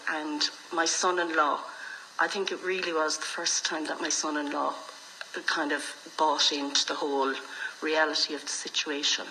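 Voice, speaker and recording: A woman's voice: low voice, bright, forceful tone, slight background noise, low-quality recording. A middle-aged woman with an Irish accent, telling her own story frankly and reflectively as an interview guest. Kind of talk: candid personal storytelling in conversation.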